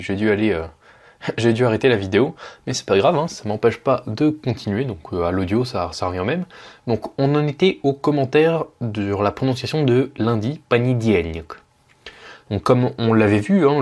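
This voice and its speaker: A man giving a casual spoken Russian lesson at home, patiently slowing down to model each word. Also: medium pitch, a little mellow. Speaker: Russian language teacher.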